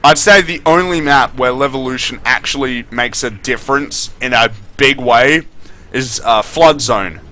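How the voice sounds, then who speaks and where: A man's voice: mid-range voice, a little slow, bright, forceful tone. A man giving unscripted, opinionated game review commentary as a video host, speaking bluntly with casual swearing.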